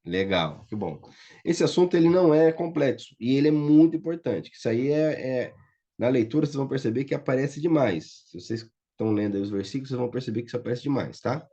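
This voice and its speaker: A man's voice: medium pitch, animated, fast talker, mellow. A man with a Brazilian Portuguese accent teaching a Biblical Hebrew class online, patiently checking that his students follow. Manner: patient, checks understanding often with "tá?" and "certo?". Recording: muffled lo-fi audio.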